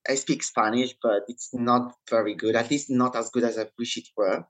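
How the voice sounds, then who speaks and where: A man's voice: medium pitch, fairly even intonation, moderate pace, rough recording. A man in his thirties from Italy, a non-native English speaker, talking reflectively as a guest in a conversational interview. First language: not English; speaks Italian, French and Mauritian Creole.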